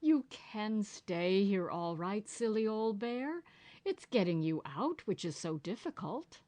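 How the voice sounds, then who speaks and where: A woman's voice: medium pitch, slow pace, voice pushed up. A woman doing a kind, fond young boy. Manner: calm, affectionate.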